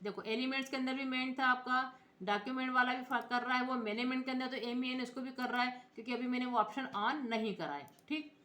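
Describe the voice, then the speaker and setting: A woman teaching computer software in speech, explaining each step and spelling out letters as she checks in with her viewers. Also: high voice, quick pace. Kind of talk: screen-recorded software tutorial. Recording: echoey room.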